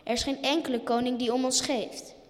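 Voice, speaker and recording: A motherly mare from a storybook speaks gently and reassuringly, as a woman reads her. The voice is a little high, with a long reverb after it. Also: little pitch movement, fairly quick, close to an everyday voice. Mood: kind.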